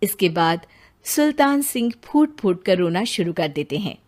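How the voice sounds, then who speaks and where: A woman tells a cartoon horror story as narrator, her pitch rising and falling in a lively way around a middle register. Her scripted delivery is dramatic. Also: normal speed.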